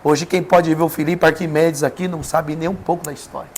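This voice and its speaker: A man's voice: on the high side, fairly even intonation, fairly quick, slight background noise. A Brazilian man, a preacher and podcast guest, telling an emotional personal testimony in an earnest, emphatic way. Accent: Brazilian Portuguese. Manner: earnest storytelling, emphatic with rising intensity.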